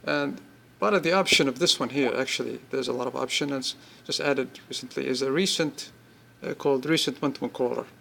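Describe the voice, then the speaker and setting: A man demonstrates an app in an informal, unscripted way, speaking haltingly in short, pieced-together bursts. His mid-range voice is bright and forceful, with some vocal fry.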